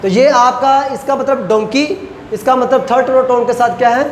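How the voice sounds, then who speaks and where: A man teaching a language lecture, explaining slowly and repeating each point as he models pronunciations. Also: extremely high pitch, fairly even intonation, echoey room, long reverb tail, slight background noise. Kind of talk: recorded classroom lecture.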